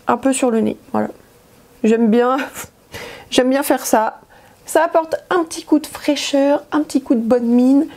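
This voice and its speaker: Chatty woman with a mellow voice. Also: fairly high pitch. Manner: chatty, hesitant, many fillers. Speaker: beauty vlogger. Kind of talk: casual makeup tutorial.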